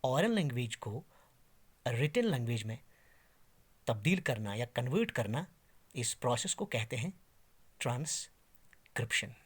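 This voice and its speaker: A man giving a slow, deliberate English pronunciation lesson, drawing out each word as he demonstrates. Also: medium pitch, big pitch swings, slightly rough. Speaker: English teacher. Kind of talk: classroom lesson.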